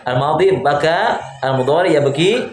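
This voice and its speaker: A man's voice: fairly high pitch, normal speed. Man teaching grammar in an echoey classroom. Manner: quizzes students and repeats answers. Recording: echoey room, faint background hum.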